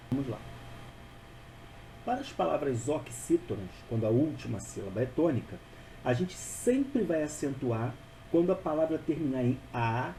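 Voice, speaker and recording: A man's voice: mid-range voice, warm tone, a little hiss or hum, low-quality recording. A man teaching a grammar lesson, patient and repetitive, often checking in with the listener. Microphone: voice-over for a narrated video.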